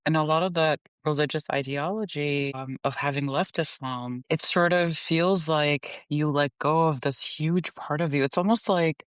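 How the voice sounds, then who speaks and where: A woman guest who grew up in the Gulf, Pakistan and the US, talking candidly and reflectively in an interview, laughing softly between thoughts. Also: deep voice, clear, resonant tone, no room sound. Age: adult. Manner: reflective, unhurried, laughs softly mid-sentence.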